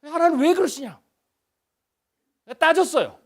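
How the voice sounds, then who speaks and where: A man in his fifties with a strikingly high voice preaches a revival sermon as guest pastor. He talks to the congregation like a conversation, throwing out rhetorical questions. He swings from loud, pressing emphasis down to near-hushed lines. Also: animated, measured pace.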